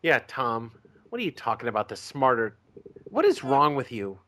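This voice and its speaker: A man's voice: mid-range voice, big pitch swings, moderate pace, bright, forceful tone, slight background noise. A man co-hosting a casual podcast, teasing and needling his friend. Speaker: podcast co-host.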